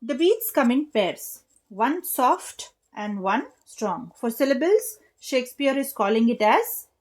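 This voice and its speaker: Young female teacher, slow and patient, slightly high voice, walks students through each point. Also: big pitch swings. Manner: slow, patient, spells out rhyme letters and claps rhythm. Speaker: English literature teacher. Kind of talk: explaining a lesson to students.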